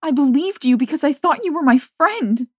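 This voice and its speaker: A raw, high, heartbroken young woman, as a woman narrator plays her, pleading with a friend who betrayed her. Her voice climbs and strains to loud anguished cries in a dry, close storybook reading. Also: unhurried, husky, dry recording. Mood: hurt. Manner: pleading, rising to anguished shouts.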